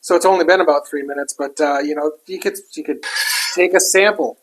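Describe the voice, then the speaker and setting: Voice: medium pitch, a little fast, slight background noise, rough recording. A cook giving a casual, chatty cooking demonstration while working a griddle, with food sizzling and utensils clinking behind.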